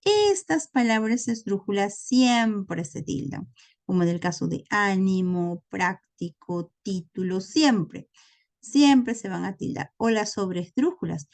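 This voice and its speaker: A woman's voice: mid-range voice, sing-song, unhurried, vocal fry. A woman teaching a recorded lesson, explaining patiently and often checking in with her listeners. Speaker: language teacher.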